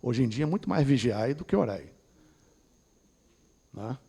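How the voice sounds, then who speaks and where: Husky Brazilian man lecturing. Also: mid-range voice, lively intonation, measured pace, warm tone. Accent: Brazilian Portuguese. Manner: discursive, ending points with tag questions. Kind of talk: esoteric lecture.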